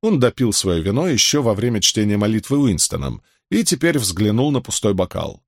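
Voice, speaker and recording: A man narrating an audiobook in an expressive, dramatic storytelling manner. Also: fairly low pitch, normal speed, dry recording, studio quality. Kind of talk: scripted narration.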